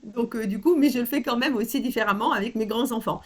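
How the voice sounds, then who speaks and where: Chatty, expressive older woman coach. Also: fairly high pitch, fast talker. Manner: chatty and expressive, frequent restarts, addresses listener directly. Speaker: personal development coach. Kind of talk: casual spoken workshop talk.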